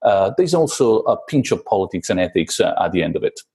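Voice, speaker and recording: Low-voiced, gravelly man; guest explaining ideas, halting and filler-heavy. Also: very animated, warm tone. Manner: hesitant, many fillers and restarts. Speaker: guest author. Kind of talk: conversational explanation.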